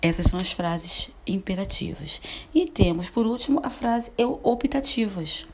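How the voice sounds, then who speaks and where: A woman teacher giving a recorded grammar lesson, explaining step by step, asking rhetorical questions and reading examples with lively expression. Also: medium pitch, normal speed.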